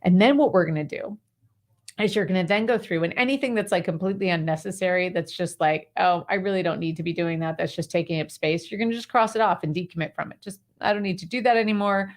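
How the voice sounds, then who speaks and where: Speaking fast and casually, this woman, a clarity coach guesting on an interview program, offers advice, walks through her method and shares anecdotes with animated, breezy energy. Her pitch runs slightly low for a woman, and "like" and "right" crop up constantly.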